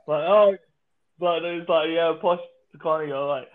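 Male, higher-pitched, rambling and sweary casual chat, thin phone-like call audio. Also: normal speed.

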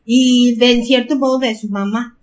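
An older woman with a Mexican accent, telling a story at an unhurried pace in a casual podcast chat and repeating words for emphasis. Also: fairly high pitch, steady tone, a little hiss or hum.

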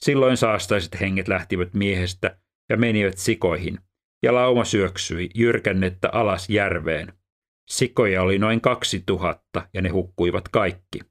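A man reading scripture aloud in a measured, even scripted delivery. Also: low-pitched. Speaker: scripture reader.

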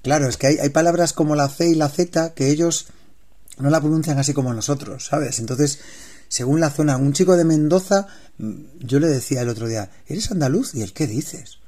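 A man with a peninsular Spanish accent, an author chatting as a guest in a casual interview, animated and often repeating his words. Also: a little high, a little fast. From Spain.

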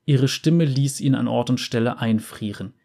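A man narrating a fantasy story in a calm, steady voice. His pitch sits in an ordinary middle range. He reads evenly and with care, as in a book read aloud. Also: moderate pace, creaky.

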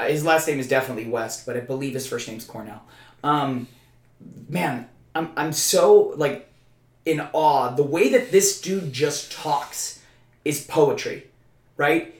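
Here the man co-hosting the podcast has a slightly high voice and a measured pace. He chats casually with emphasis, stammering and restarting, and the room gives off a noticeable echo.

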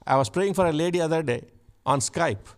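A man preaching a sermon, shifting from chatty asides with the congregation to loud, emphatic repeated declarations. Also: on the high side, brisk. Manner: builds to loud emphatic repetition; conversational asides with laughs.

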